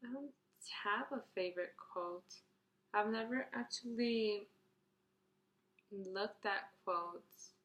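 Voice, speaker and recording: Young woman, early twenties, vlogger answering a Q&A, bright chatty tone, echoey room. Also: mid-range voice, slow pace, long pauses. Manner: chatty, rambling, restarts and fillers, reads questions out brightly. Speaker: beauty vlogger. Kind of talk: casual Q&A tag video.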